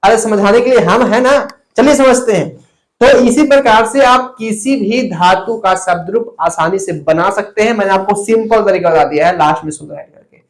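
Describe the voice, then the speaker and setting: A man's voice: high-pitched, normal speed, low-quality recording. A young man teaching a Sanskrit grammar lesson online, talking straight to his students with playful jokey asides. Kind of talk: online classroom lecture.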